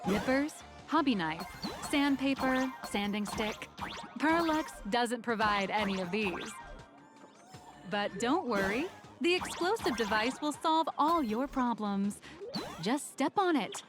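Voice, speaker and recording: A peppy game saleslady, high voice, slick ad read, music playing behind. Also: animated, takes it slowly. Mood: salesy. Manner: smooth ad-read delivery, grandly persuasive. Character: polished, upbeat female toy-company demonstrator guiding assembly. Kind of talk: scripted sales-pitch video game acting.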